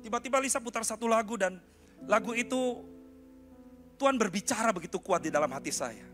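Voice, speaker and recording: Animated high-voiced man preaching a testimony. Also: a little fast, soft background music. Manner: animated storytelling, addresses the congregation as "saudara". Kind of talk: sermon testimony.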